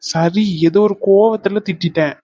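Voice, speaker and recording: A woman's voice: medium pitch, fairly even intonation, moderate pace, warm tone, dry recording, lightly acted. A woman voicing a young husband in a cartoon who coaxes, teases and pleads with his upset wife. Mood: coaxing. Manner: coaxing, teasing and pleading. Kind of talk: cartoon voice acting.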